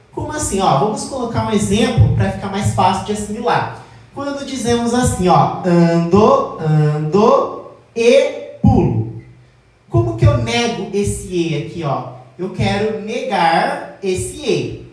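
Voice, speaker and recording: A woman teacher explaining logic at a whiteboard, often checking in with the class and slowing down to stress key terms. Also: medium pitch, darkish tone. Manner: addresses class as "gente", checks with "tá?"; slows down to stress key words. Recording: very echoey room, mic far off.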